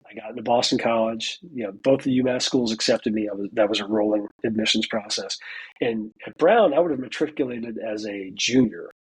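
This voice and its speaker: On a low-quality recording, a man with a lowish, slightly rough voice speaks briskly. He's a US veteran in his forties who's now in college, chatting as an interview guest and telling a story filled with "you know" fillers and acted-out quotes.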